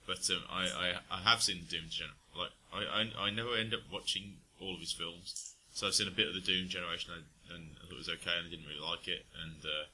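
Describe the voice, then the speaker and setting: A deep-voiced man co-hosts a casual chat and rambles through his thoughts with plenty of ums and restarts. His tone is bright and a little sharp, and a faint noise runs under the recording. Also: fairly even intonation, fast talker, hardly any pauses. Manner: rambling, hesitant, many fillers. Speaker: podcast co-host.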